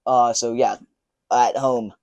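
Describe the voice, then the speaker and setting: Speaking slowly and fairly evenly, a young man with a medium-pitched, darkish voice and some vocal fry rambles about the stuffed toys he made, restarting often and using many fillers. The video creator's clip-on mic, recorded on a phone, gives studio-quality audio with no room sound.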